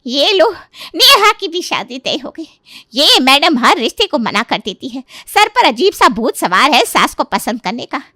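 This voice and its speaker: A woman voicing an anxious middle-aged mother who nags and shouts at her daughter in a cartoon story. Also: mid-range voice, expressive, moderate pace, dry recording, studio quality. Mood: angry scolding. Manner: loud, shouting, nagging. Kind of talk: cartoon voice acting.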